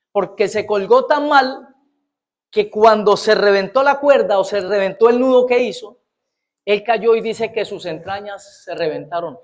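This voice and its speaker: A man preaching a sermon as a pastor, checking in with the congregation after nearly every point and swinging between loud declarations and hushed asides. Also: sits high. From Colombia. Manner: preachy, peppering lines with quick "right?" checks to the congregation.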